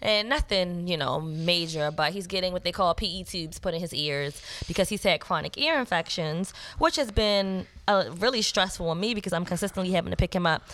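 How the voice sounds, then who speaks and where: A woman's voice: on the low side, brisk, hardly any pauses, a bit bright. A woman in her thirties co-hosting a casual podcast, chatting about family and work with plenty of fillers. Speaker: podcast co-host. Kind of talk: casual chat.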